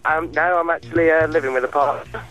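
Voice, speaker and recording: A man's voice: on the high side, fairly even intonation, quick pace, a bit bright, soft background music. A man from the English Midlands, chatting casually as a phone-in contestant. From Derby, England. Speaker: contestant calling in.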